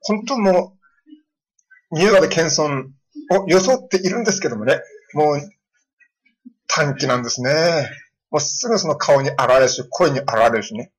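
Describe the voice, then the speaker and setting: A middle-aged male pastor preaching a sermon, telling stories and acting out children's lines in a lively way. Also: on the high side, moderate pace, long pauses, husky, poor audio. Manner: storytelling with lively voiced quotes of children.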